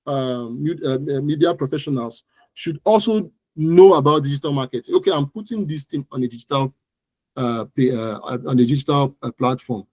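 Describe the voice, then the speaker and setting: A digital marketer with a Nigerian accent appears as a guest expert in an informal interview, explaining things at a normal pace and repeating phrases for emphasis. His medium-pitched voice is a little mellow, recorded without echo.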